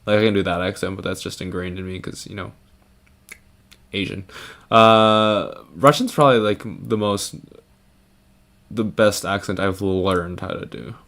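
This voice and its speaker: A man's voice: deep voice, measured pace, gravelly, long pauses, fairly bright tone. A young man chatting casually on a live stream, playful and rambling, laughing often.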